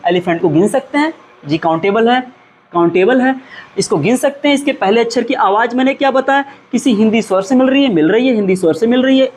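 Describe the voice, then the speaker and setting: A man's voice: very high-pitched, a little hiss or hum. A male teacher giving a grammar lesson, who asks his students questions and then answers them himself, repeating key words for emphasis. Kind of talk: classroom-style grammar lesson.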